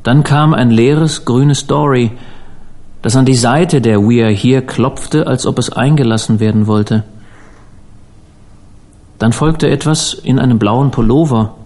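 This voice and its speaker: A man reading a sea adventure aloud in measured, dramatic audiobook narration. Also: mid-range voice, darkish tone. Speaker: audiobook reader.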